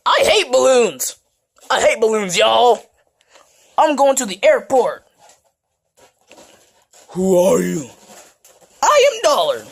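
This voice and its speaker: Lady doing a little country-talking chihuahua guy, high and bouncy. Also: very animated, slow pace, creaky, long pauses, breathy edge, full character voice. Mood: chatty. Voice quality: country drawl. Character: Dollar, a small male Alaskan chihuahua, cheerful.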